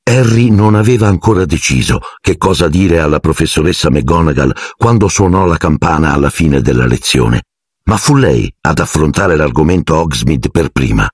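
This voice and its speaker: A man narrating an audiobook in an expressive, measured storytelling manner. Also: rumbling low, slightly rough, no room sound, studio quality. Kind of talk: scripted narration.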